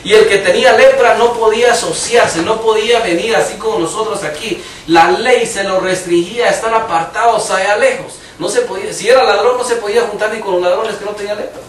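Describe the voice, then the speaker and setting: A man's voice: sits high, brisk, few pauses, slight background noise. A man preaching an emphatic sermon in a church hall, now and then raising his voice for quoted cries. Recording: echoey room, mic far off.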